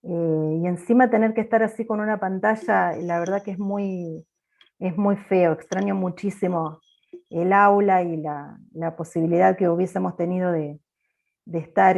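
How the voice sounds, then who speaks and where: Female accounting teacher, bossy and loud-sounding, lecturing on a video call. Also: fairly low pitch, gravelly, muffled recording. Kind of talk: online class lecture.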